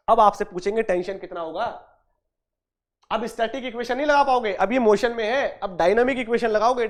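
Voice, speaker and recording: An engineering exam-prep teacher delivers an online lecture in an extremely high-pitched male voice. Questions he asks get answered by himself, points come up repeatedly, students are called dear and brother, and English technical words are mixed in.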